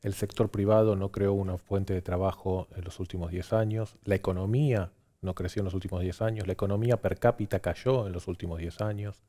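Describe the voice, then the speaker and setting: A man's voice: low voice, steady tone, a little fast, warm tone. A man with an Argentine accent, a pollster guest giving fluent political analysis on TV and listing his points one after another.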